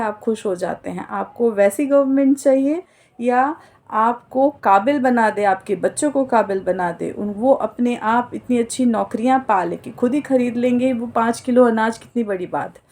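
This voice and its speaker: A woman's voice: on the high side, darkish tone. A woman giving an earnest explainer monologue, defining terms and mixing in English words as she goes. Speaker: political commentator.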